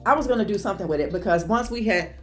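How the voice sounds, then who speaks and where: A woman vlogging from her home office, chatty and excited, calling her viewers "y'all". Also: mid-range voice, very fast, soft background music. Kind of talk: casual chat.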